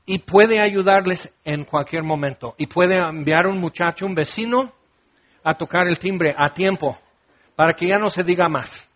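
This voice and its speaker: Middle-aged man preaching, high-pitched voice, lively and theatrical, slightly muffled recording. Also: measured pace. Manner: animated, acts out scenes with shouts and laughs. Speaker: pastor. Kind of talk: sermon.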